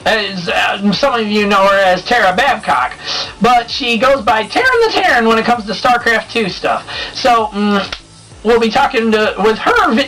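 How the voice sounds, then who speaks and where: A man hosting his own review show in a casual vlog style, excitable and chatty, laughing often as he talks. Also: very high voice. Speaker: show host reviewing comics and movies. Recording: distant mic with faint background noise.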